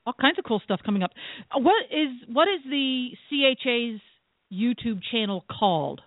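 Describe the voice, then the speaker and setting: A woman co-hosting a radio show asks friendly questions and walks listeners through things. Her voice sits fairly high. It comes through a tinny, phone-like line with no room sound. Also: sing-song, moderate pace, no echo. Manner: friendly questioner, helpful explainer. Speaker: radio co-host. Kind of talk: casual radio chat.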